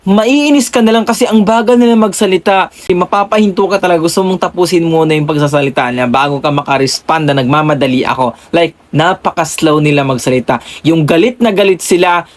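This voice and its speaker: A man's voice: sits high, fairly quick. A man from the Philippines giving casual vlog commentary, chatty, addressing his viewers as guys and dropping in English phrases. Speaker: vlogger.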